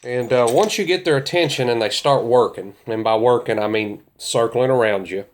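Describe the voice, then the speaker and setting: A man's voice: medium pitch, normal speed. A man gives informal instruction in a plain-spoken, folksy way as an experienced outdoorsman. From central Kentucky, United States. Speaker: duck hunter teaching calling techniques.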